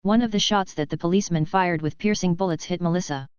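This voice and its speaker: A woman narrating an adult fiction audiobook with an even, steady reading. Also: lowish voice, fast, clean tone, no echo, dull audio.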